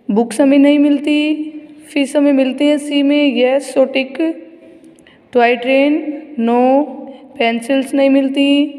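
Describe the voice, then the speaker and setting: A woman teaching a primary reading lesson with an Indian English accent, reading English lines slowly and explaining each word to the children, often asking and answering her own questions. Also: sits high, dark tone, in a large hall, low-quality recording. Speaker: school teacher.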